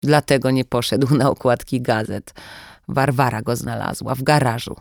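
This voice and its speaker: A woman's voice: rumbling low, fairly even intonation, normal speed, creaky, dry recording. A narrator voicing a female profiler and frightened mother who speaks strained and pleading, in a dry audiobook recording. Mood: insistent. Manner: strained, pleading under control. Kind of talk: audiobook dialogue.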